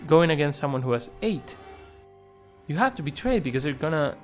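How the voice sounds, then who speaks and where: A man's voice: fairly high pitch, lively intonation, brisk, faint music behind. Man thinking aloud over a game. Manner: thinks aloud, reasoning things through. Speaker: streamer playing a video game. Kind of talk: live gameplay commentary.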